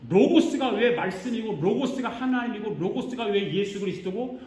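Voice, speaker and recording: Older male pastor preaching, playful and animated, in a roomy, reverberant church. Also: high voice, moderate pace. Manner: animated, joking, acts out congregation responses. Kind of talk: sermon. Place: church sanctuary. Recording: echoey church sanctuary.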